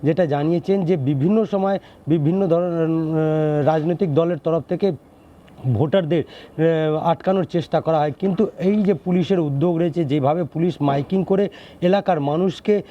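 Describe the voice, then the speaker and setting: Man, field reporter, halting phrasing, fairly high voice, muffled lo-fi recording. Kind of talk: news report. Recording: dull lo-fi audio.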